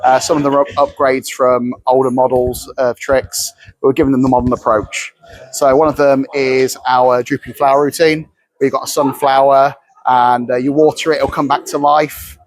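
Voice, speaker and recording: A man's voice: medium pitch, flat delivery, normal speed, poor audio. A man, a prop dealer, demonstrating magic tricks in a chatty, showman-like way. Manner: chatty, showman-like, hesitant fillers. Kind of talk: product demonstration.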